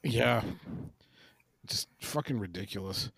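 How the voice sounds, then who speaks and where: A man's voice: fairly low pitch, expressive, slow, gravelly, fairly bright tone, slightly rough, dry recording, studio quality. A man hosting a casual podcast countdown, blunt and a bit profane as he moderates his co-hosts. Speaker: podcast host running a countdown list.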